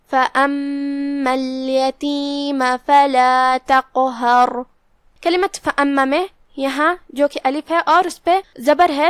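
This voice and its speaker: A woman teaching Quran recitation rules, explaining each letter slowly and methodically. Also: sits high, no room sound, studio quality. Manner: slow, methodical, careful articulation. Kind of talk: tajweed lesson, explaining then reciting.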